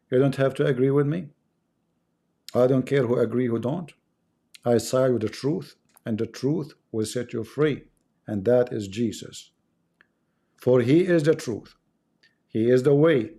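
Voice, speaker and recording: Speaking English with an Arabic accent, a Middle Eastern livestream host whose native tongue is Arabic gives an impassioned religious monologue. He has a warm, mid-range voice with vocal fry, and he talks emphatically in a preaching style, repeating phrases for effect.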